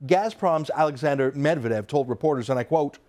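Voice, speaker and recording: A man's voice: on the high side, brisk, a little mellow. A man delivering a combative TV opinion monologue as a commentator, emphatic and sarcastic.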